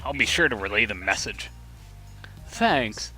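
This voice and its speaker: A man voicing a smug young man in a visual novel, teasing and dry, in a bright, sharp voice. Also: lowish voice, expressive, a little slow, husky, faint music behind, exaggerated voice. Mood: wry.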